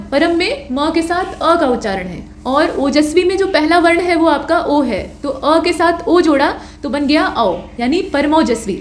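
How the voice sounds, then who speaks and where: A woman's voice: sits high, reverberant, a little hiss or hum. A woman teaching an exam-prep grammar lecture, patiently explaining rules and answering her own questions.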